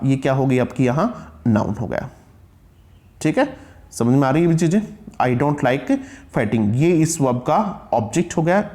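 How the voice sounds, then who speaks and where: A man's voice: medium pitch, darkish tone. A middle-aged man teaching English grammar, asking questions and reading example sentences word by word. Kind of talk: classroom lecture.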